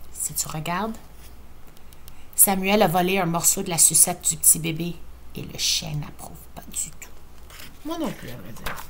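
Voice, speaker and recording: A teacher with a Quebec French accent reading a picture book aloud in a playful, expressive way, talking to young listeners. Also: female voice, medium pitch, slight background noise.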